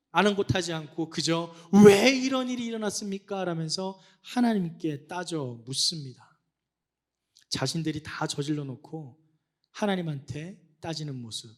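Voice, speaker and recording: A young man preaching as a church pastor, his voice sitting high for a man. He swings from loud, dramatic exclamations to hushed, low-voiced passages. The delivery is a passionate sermon.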